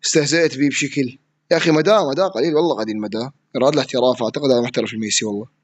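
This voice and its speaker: A man with an Iraqi Arabic accent giving live gameplay commentary, excitable, yelling at opponents and swearing as he plays. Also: mid-range voice, racing. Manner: excitable, yells at opponents and swears mid-play. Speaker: gaming streamer.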